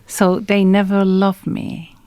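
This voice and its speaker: A woman from Iran with an Iranian accent, talking in a halting, hesitant way as a guest in a radio studio interview. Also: medium pitch, completely flat delivery, darkish tone, clear, resonant tone, no room sound. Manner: halting and hesitant, many pauses and fillers. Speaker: guest singer.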